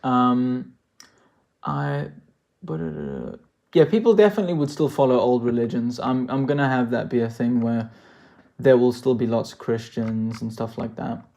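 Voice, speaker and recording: A man's voice: medium pitch, a little mellow. A man from South Africa chatting loosely through a live-stream Q&A as a worldbuilding creator, thinking aloud with jokey asides. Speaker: worldbuilding creator answering chat.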